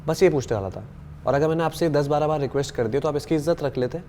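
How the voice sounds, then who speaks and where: A man's voice: a little high, fast talker, warm tone, a little hiss or hum. A young man being interviewed as a reality show contestant, talking emphatically and argumentatively, slipping English phrases into his speech. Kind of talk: casual interview talk.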